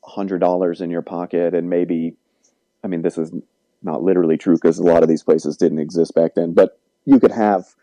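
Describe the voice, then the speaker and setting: A man, an economics professor, explaining policy in a measured, lecturing way during an interview. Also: deep voice, dark tone, no echo, rough recording.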